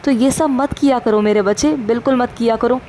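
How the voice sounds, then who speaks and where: A woman voicing a gentle, fatherly male saint who counsels his devotees in a tender, instructive devotional message, calling them "my child" again and again. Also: a little high, brisk, slight background noise, close to an everyday voice. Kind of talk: devotional first-person message.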